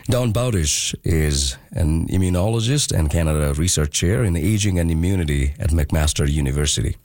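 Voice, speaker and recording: A man from Bangladesh hosting a radio show, asking brief, calm questions and reading news links. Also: deep voice, normal speed, no room sound, clean studio sound. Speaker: radio host.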